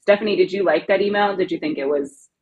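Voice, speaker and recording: A woman's voice: fairly low pitch, fast, darkish tone, slightly rough, highs cut off. A woman co-hosting a live stream on education advocacy, chatting casually with viewers, laughing often and saying "like" a lot. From lives in Ohio. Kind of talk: casual chat answering viewer comments.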